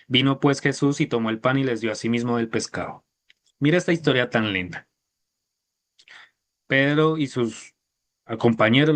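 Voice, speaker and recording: A man preaching a sermon, retelling a Bible story with lively, acted-out voices for the characters. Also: medium pitch.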